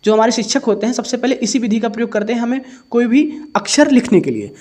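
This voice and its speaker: A man's voice: very high-pitched, quick pace, a little mellow. A male teacher working through an exam paper, explaining step by step and repeating each definition. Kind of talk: exam paper solution lesson.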